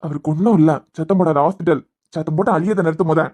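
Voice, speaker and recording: Woman doing a fast-talking firm young policeman. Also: sits low, mellow. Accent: Kanyakumari Tamil. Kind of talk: cartoon serial voice acting.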